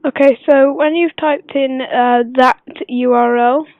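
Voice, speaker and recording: A woman who is unwell gives a casual gameplay tutorial voice-over, speaking quietly but clearly in a hesitant, rambling way. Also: high-pitched, steady tone, measured pace, no echo. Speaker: gaming video maker. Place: voice-over recorded at a computer. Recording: dull lo-fi computer recording, dry.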